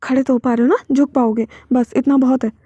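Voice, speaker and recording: A woman voicing a calm, protective young husband who teases softly and speaks low, in a storybook reading. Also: quick pace, dry recording, dull audio. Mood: insistent. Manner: soft, low-spoken, teasing.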